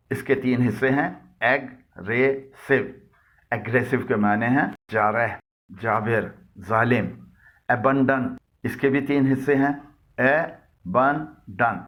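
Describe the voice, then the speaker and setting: A man with an Urdu accent narrates a scripted English lesson at a slow, deliberate pace and spells words out letter by letter. His voice sits at a middle pitch. The recording is dull and lo-fi. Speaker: English teacher.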